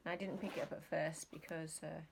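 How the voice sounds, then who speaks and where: A woman's voice: low voice, steady tone, a little fast, vocal fry, background noise. A woman chatting casually about her resale finds, rambling and hesitant with many ums. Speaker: reseller vlogger. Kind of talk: casual chat.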